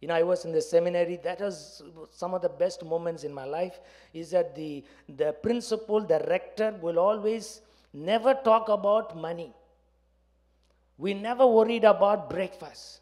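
A man's voice: high voice, moderate pace, a little mellow. A man with a South Indian accent and Tamil as his first language, preaching a conversational sermon as a pastor in short, broken phrases into a handheld microphone. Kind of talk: conversational sermon with personal anecdotes. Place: church stage.

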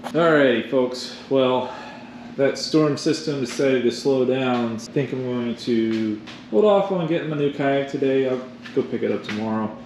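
A man hosting a fishing vlog in a relaxed, chatty way, laughing often. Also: medium pitch, unhurried. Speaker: fishing channel host. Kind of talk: casual vlog chat. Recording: echoey with loud background noise.

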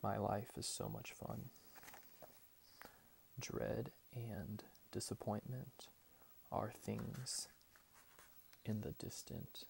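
Young man, whispered ASMR pep talk, hushed and deliberate, long pauses, heavy vocal fry, very slow, close-up bedroom recording. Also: lowish voice, fairly even intonation, a little hiss or hum. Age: 20s. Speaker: ASMR creator reading positive affirmations. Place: small bedroom at home, indoors.

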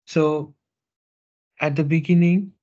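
A man giving a webinar presentation as a nutrition officer, speaking in a measured way with frequent hesitations and fillers over a video call. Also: a little high, steady tone, dark tone. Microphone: video call microphone. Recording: slightly dull video call audio.

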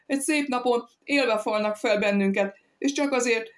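Brief: woman doing a proud, shrill noblewoman for an audiobook, oratorical and accusing, pitched up. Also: lightly acted. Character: haughty indignant lady of the house. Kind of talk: audiobook character reading.

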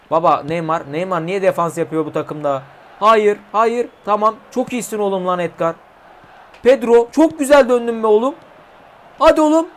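A man in his twenties commentating his mobile football game, shouting player names and cursing at missed passes. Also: high-pitched. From Turkey. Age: 20s. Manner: excitable, yelling player names at goals, swearing at the game. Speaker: gaming YouTuber.

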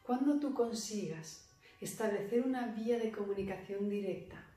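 Meditation teacher, woman, calm and deliberate, voice distant in a very echoey room. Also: mid-range voice, faint music behind. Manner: calm, measured, speaks with slow emphatic pauses. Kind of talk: guided meditation talk. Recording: very echoey room, voice far from mic.

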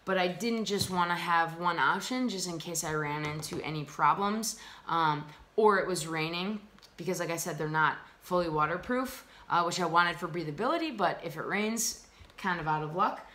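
A young adult American vlogger talks through hiking gear in an easygoing, upbeat review, frequently saying um. Her lowish, slightly bright voice holds a moderate pace. She's indoors at a table in a small room, recorded by a laptop camera mic.

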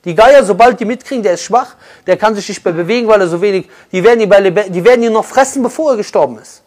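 A man preaching a sermon with a high-pitched voice, passionate throughout. He swings from loud, urging appeals to soft, hushed lines. He speaks straight to his listeners as brother and sister. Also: fast talker.

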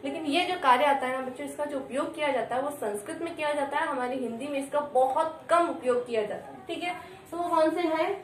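High-voiced woman teaching in an echoey room. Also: brisk. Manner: asks questions and answers them, addresses children. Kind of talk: classroom grammar lesson. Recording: echoey room, mic at a distance.

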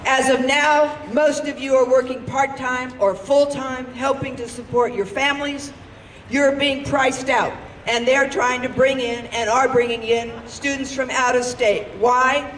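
A middle-aged woman delivers a rousing protest speech on an open campus lawn. Her high voice comes through a PA speaker. It is picked up from some distance, with a faint hiss underneath. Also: fairly even intonation, a little slow, a bit bright, echoey room. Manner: impassioned, rousing oratory. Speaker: faculty speaker at a rally. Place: outdoor campus lawn rally. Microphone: handheld mic through a PA speaker. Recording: distant PA sound outdoors with noise.

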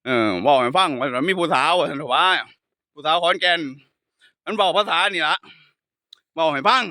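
Lively high-voiced Isan monk joking. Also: male voice, normal speed, no echo, clean studio sound. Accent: Northeastern Thai (Isan). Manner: playful, laughs often, teasing storytelling. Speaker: Buddhist monk. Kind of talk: casual joking chat. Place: outdoors on a hill path to his hut.

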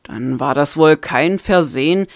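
A woman's voice: low voice, unhurried, no room sound, studio quality. A woman reading a sheepish, cornered young man. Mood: defensive. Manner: sighing, defensive.

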